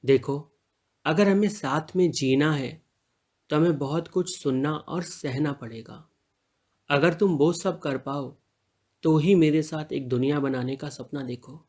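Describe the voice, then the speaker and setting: A man reading the part of a male truck driver in an audio story, calm and reassuring toward his partner. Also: a little high, measured pace. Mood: tender. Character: male truck driver, protective and teasing lover.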